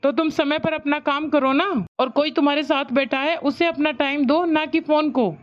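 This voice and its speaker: A woman's voice: high-pitched, fairly even intonation, moderate pace, muffled recording, natural voice. A woman voicing a stern young husband in a cartoon story, scolding his wife. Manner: scolding, lecturing. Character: stern young husband, fed up with wife's phone.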